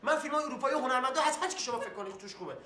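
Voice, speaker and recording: A desperate young man, pours out oaths and excuses without a pause. The voice is bright and edgy, and it rings in an echoey room. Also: very high-pitched, animated, full character voice. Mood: pleading. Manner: pleading, swearing oaths nonstop, rambling. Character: fast-talking desperate young man caught by the law. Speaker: young man questioned by an official. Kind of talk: film dialogue.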